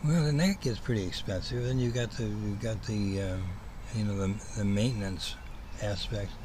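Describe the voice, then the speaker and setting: A lowish-voiced man talks casually on a livestream over clearly audible background noise. His speech whistles slightly through missing front teeth. He rambles in a halting way, repeating words as he searches for the next one. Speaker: host, cat rescue operator. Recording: clearly noisy ambient background.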